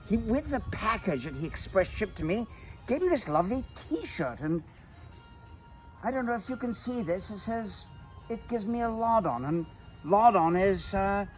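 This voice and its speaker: Cocktail-show host: a man with a genteel, gushing, meandering delivery and faint music underneath. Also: high-pitched. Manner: effusive, rambling, genteel, with frequent fillers. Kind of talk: casual cocktail-making chat.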